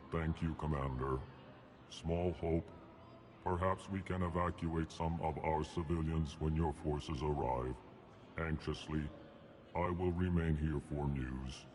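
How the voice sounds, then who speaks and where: An actor playing a huge, earnest, slow-talking alien in a video game, formal and monotone. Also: male voice, rumbling low. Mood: relieved, anxious. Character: huge, slow, earnest alien announcing his emotions flatly. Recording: faint ambient noise.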